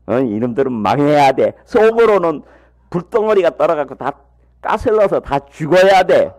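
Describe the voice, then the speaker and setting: Animated high-voiced male preacher. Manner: animated storytelling with constant rhetorical questions to the congregation; folksy, humorous asides. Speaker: missionary preacher. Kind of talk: sermon.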